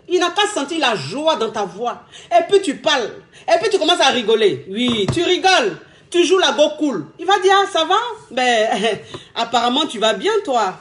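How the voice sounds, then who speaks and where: A woman, giving emphatic, casual relationship advice as a coach. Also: high voice. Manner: lively, emphatic, repetitive, laughing often.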